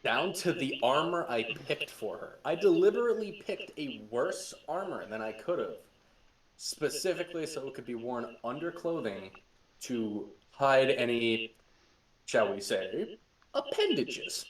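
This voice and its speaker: A young man hosting a podcast as a game master, telling stories excitedly with laughter and swearing. The recording is roomy, with a distant mic. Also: medium pitch, a little slow, a little hiss or hum. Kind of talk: casual chat.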